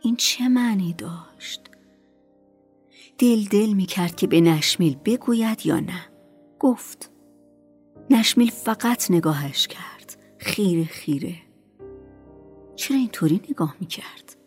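Hushed woman audiobook narrator. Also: medium pitch, expressive, long pauses, slightly rough, soft background music. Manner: soft, often hushed and whispery. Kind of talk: scripted narration.

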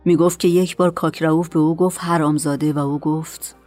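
A woman narrating a dramatized story in a calm, measured way. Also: sits low, faint music behind.

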